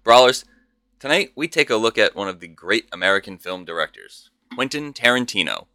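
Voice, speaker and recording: Man, podcast host, ringmaster showman announcing, theatrical scripted intro, forceful bright voice, dry close sound. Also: on the low side, big pitch swings, a little fast, no echo.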